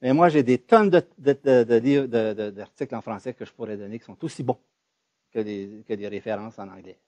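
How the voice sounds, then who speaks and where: A man's voice: mid-range voice, a little fast, dark tone, no echo. A man with a Quebec French accent, a university professor speaking freely in an academic talk, stumbling and repeating small words as he searches for them. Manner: hesitant, restarts with repeated words.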